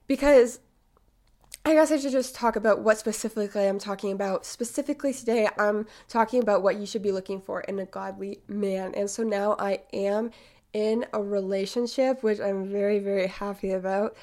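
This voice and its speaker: With a cold clogging her up, an eighteen-year-old woman hosts a casual podcast monologue, chatty and filler-heavy. Her voice is medium in pitch and a little mellow.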